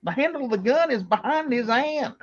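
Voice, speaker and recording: A man co-hosting a podcast in casual chat, telling stories in an animated, wry way. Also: extremely high pitch, brisk, lo-fi sound. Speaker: podcast co-host.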